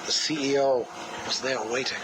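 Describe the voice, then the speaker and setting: A man's voice: mid-range voice, fairly even intonation. A cold, grieving scientist who measures every word and lingers on his loss. He is heard through the hiss of a played-back cassette tape. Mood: mournful. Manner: slow, controlled, mournful delivery. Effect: played back from a cassette tape recording. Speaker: interview subject. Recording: hissy cassette tape playback.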